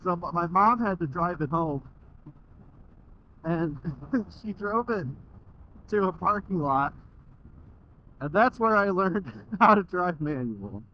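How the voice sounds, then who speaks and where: Animated American man talking inside a helmet. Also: high voice, takes it slowly, long pauses. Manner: sweary, informal. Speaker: motovlogger riding a motorcycle. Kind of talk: casual motovlog monologue. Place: inside a helmet on a moving motorcycle outdoors. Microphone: microphone inside the helmet. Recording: muffled, dull helmet mic.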